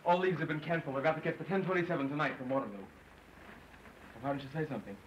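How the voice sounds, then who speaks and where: An actor playing an earnest young soldier. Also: male voice, fairly high pitch, racing, slight background noise, natural voice, rough recording. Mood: pleading. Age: young adult. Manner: earnest, pleading, tender. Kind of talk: 1930s film acting.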